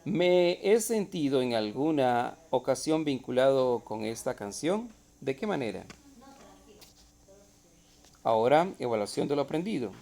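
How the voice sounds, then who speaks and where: A man's voice: medium pitch, expressive, a little slow, mellow. A male teacher explaining a literature lesson step by step, asking rhetorical questions. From Costa Rica.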